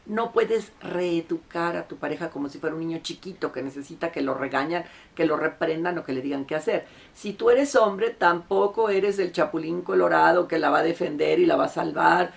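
A woman's voice: fairly low pitch, normal speed, creaky, hardly any pauses. A middle-aged woman counselor giving relationship advice straight to camera, earnest and emphatic. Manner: earnest and emphatic, acting out quoted clients.

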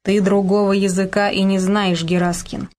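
Woman reader doing a calm, wry veteran man, older and worn out. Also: medium pitch, normal speed, natural voice. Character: weary older male war veteran.

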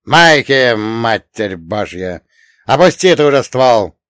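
A man voicing a young mafia boss in his thirties, cool and theatrical, with a lazy, even drawl that turns to barking. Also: medium pitch, a little slow, no echo, clean studio sound, lightly acted. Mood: shouting. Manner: languid drawl that flares into barking.

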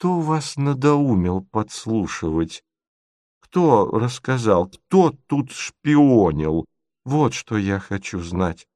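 Scheming middle-aged lady as voiced by a man, soft hushed sugary tone, dry close sound, storybook. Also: mid-range voice, very animated, unhurried, dry recording. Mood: reproachful. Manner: soft, hushed, sorrowfully sweet.

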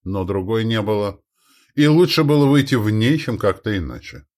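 A man narrates an audiobook with a lowish voice that rises and falls a lot. His reading is expressive and storyteller-like, shaping each sentence for the listener. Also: moderate pace.

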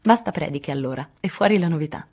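Woman reading feisty blunt teenage girl, raised pitch over a husky low voice. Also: expressive, fast talker, a little mellow. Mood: eager. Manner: blunt, impulsive. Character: spirited outspoken teenage girl.

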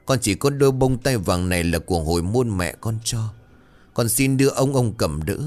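A man with a low, lively voice playing a poor young mother who pleads with a moneylender. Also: moderate pace, lightly acted. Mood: begging.

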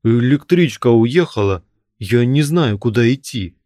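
A man's voice: medium pitch, expressive, unhurried, warm tone, no echo, clean studio sound, lightly acted. A man voicing a frightened young man who timidly pleads to be let go. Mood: frightened pleading.

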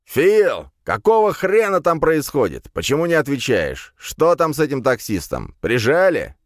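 Man playing a drunk cocky young gang boss, loud, slurred, swaggering, audiobook crime fantasy. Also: on the high side, wildly swooping pitch, normal speed, dry recording, studio quality, voice pushed up.

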